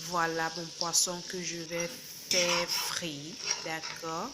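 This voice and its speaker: A woman's voice: fairly low pitch, level tone, slow. A woman showing a recipe step by step, often checking in with "d'accord?". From not from Senegal. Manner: explains step by step, repeats "d'accord?". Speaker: home cook. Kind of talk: cooking tutorial. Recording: loud background noise.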